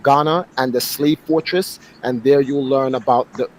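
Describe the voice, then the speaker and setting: A man's voice: medium pitch, fairly even intonation, moderate pace, poor audio. A man in his forties, a guest on a casual online panel, talking emphatically and often repeating words as he starts a thought. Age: 40s.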